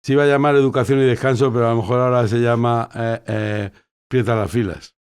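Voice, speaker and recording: A man's voice: medium pitch, steady tone, fast talker, a little mellow, smooth. A man from Spain, a journalist and filmmaker, chatting as a guest in a playful, joking way and often repeating himself. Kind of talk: casual conversational interview.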